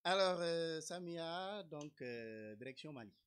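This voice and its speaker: A woman's voice: sits low, lively intonation, slow pace, clean tone. A woman interviewer who hesitates often while steering the conversation from country to country. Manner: hesitant, many "euh" fillers. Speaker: interviewer host.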